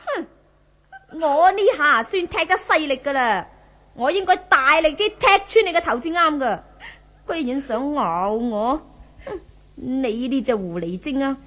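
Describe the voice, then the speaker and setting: In a 1970s Cantonese radio drama from Hong Kong, a woman voices a cruel, gloating young heiress villain who is spiteful and imperious, taunting with haughty theatricality. She speaks high and animated, a little slowly, with a slightly bright tone.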